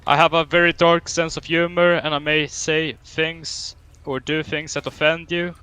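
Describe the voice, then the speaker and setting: A young Swedish man with a Swedish accent runs a roleplay police training as the training officer. His voice is a little high, sharp and clean, with level intonation at normal speed. He's stern and drill-like but slips in dry humor.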